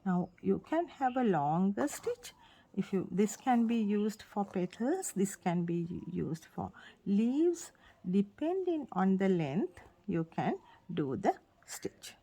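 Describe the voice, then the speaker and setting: Slow and gravelly yet warm, this woman's medium-pitched voice swings widely in pitch as she hosts a casual craft tutorial. She speaks with a Sri Lankan accent, Sinhala being her first language, and explains the steps in simple, repetitive wording.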